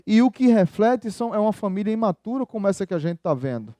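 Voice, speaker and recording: Talking with his congregation in a relaxed, conversational sermon, this pastor keeps firing off rhetorical questions. His voice is high but mellow, with big pitch swings, and he talks fast. It's recorded dry and close-miked, with no room sound.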